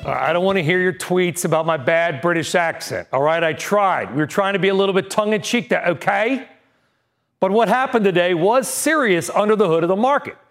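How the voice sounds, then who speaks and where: Brisk, high-voiced male news anchor. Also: fairly bright tone, faint music behind. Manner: brisk, punchy, conversational. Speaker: TV news host. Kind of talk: evening business news anchoring.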